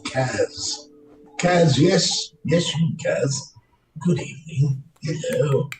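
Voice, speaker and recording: A man co-hosting a casual livestream chat and greeting viewers by name in a playful, teasing way. His voice is a bit rough, he coughs, and it echoes as if he is talking in a tunnel. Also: a little high, extremely slow, music in the background. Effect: echoing, as if talking in a tunnel. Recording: roomy echo, off-mic, faint noise.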